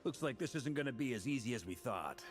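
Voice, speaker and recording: An actor playing a hearty, good-humoured middle-aged warrior in a video game, grumbling in a rueful, expressive way. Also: male voice, medium pitch, quick pace, loud music behind the voice, close to an everyday voice. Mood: relieved, wry. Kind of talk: English video game voice acting.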